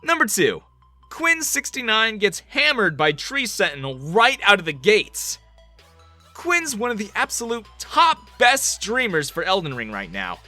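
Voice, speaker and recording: A man's voice: high-pitched, wildly swooping pitch, measured pace, bright, forceful tone, faint music behind. A man reading scripted countdown narration for a video compilation in an upbeat delivery.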